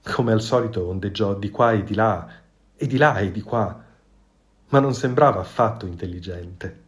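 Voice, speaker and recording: A man reading a children's storybook aloud in a calm, measured way. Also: on the low side.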